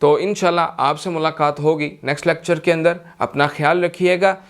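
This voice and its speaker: A man teaching Quran recitation rules step by step, patiently repeating each verse slowly. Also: on the high side, steady tone. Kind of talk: slow step-by-step recitation lesson.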